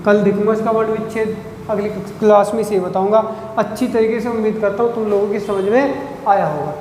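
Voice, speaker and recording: A man with a very high voice teaches a grammar lesson, stretching each syllable and firing questions at his students. The room rings with a long, hollow reverb, and a faint hiss sits under his voice. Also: a little mellow. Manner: drawn-out, repeats syllables, quizzes listeners.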